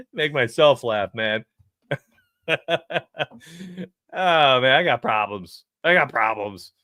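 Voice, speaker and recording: A man hosting a casual sports betting livestream, talking in an animated, rambling way and chuckling often. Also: mid-range voice, a little slow, hardly any pauses, dry recording, studio quality. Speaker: sports betting show host.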